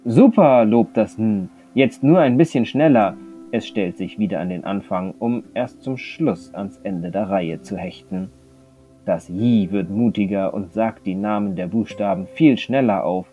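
A male primary school teacher calmly and clearly reading a children's story aloud in a distance lesson. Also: low-pitched, a little slow, soft background music. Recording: slightly dull lo-fi recording.

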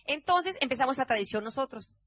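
Animated high-voiced woman storyteller. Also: quick pace, no echo. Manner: animated, acts out quotes, often shouts. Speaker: business seminar speaker. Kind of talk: motivational storytelling talk.

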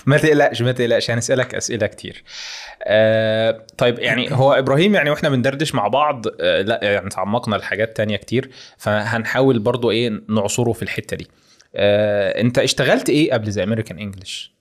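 A man's voice: mid-range voice, rapid-fire. A man with an Egyptian Arabic accent hosting a conversational podcast interview, dropping English words into his speech. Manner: code-switches into English words.

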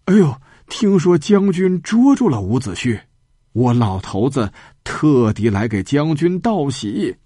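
A man's voice: medium pitch, sing-song, unhurried, dark tone, slightly rough, dry recording, clean studio sound, pitched above the performer's own voice. A man voicing a crafty, friendly old man in a spoken storybook, talking in a sly, coaxing way.

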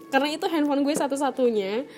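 Addressing her podcast listeners, this young host from Indonesia shares a personal story in a relaxed, chatty way, with plenty of laughter. She has a high-pitched voice.

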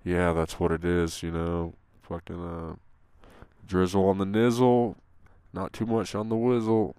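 A man's voice: low-pitched, little pitch movement, unhurried, warm tone, clean tone, dry recording. A young man co-hosting a podcast, talking in a laid-back, crude, mumbling way with lots of swearing. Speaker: podcast co-host. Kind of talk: casual chat.

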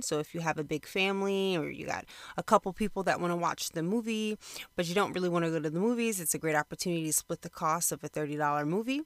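Female reviewer, lower register, dry close sound, natural unscripted delivery, conversational with hesitant, rambling phrasing. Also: fairly bright tone, no echo. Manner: conversational, rambling, thinking aloud with frequent hesitations. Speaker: movie reviewer. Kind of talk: natural unscripted talk, casual solo review.

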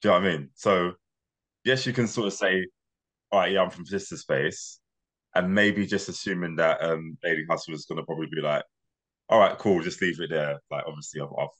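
A man in a podcast discussion, measured and mediating, often restarting his sentences. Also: deep voice, a bit bright.

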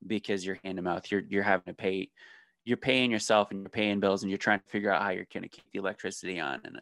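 A man's voice: on the low side, gravelly, fairly bright tone, no room sound. A man, a business owner, telling his story candidly in an interview, with joking asides. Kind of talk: casual interview.

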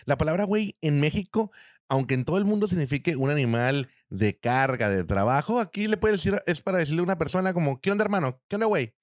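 A man's voice: a little high, very animated, quick pace, dry recording, clean studio sound. A man with a Mexican Spanish accent in a casual debate with a friend, slangy and swearing, arguing heatedly.

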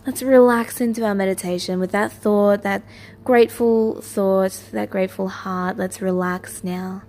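A woman leading a guided meditation as its teacher, in a gentle, soothing, lulling manner with repeated soft instructions. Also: mid-range voice, steady tone, unhurried.

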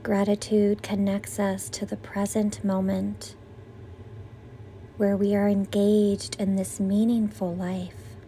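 A woman leading a guided meditation as its teacher, soothing and gentle like a sleep story narrator, with breathy exhales on breathing cues. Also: medium pitch, level tone, slow, slight background noise.

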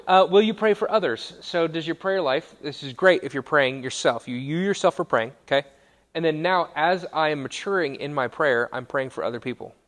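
A young adult man, a college pastor, giving a casual sermon to students, talking conversationally with quick self-corrections and asides. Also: a little high, fairly bright tone. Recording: long hall reverb.

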